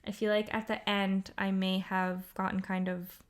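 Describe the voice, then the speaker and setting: A woman's voice: medium pitch, little pitch movement, normal speed. A young woman hosting her own podcast, talking casually and rambling with many fillers, a little tired. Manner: rambling, upbeat, lots of fillers. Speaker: podcast host. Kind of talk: casual solo podcast monologue.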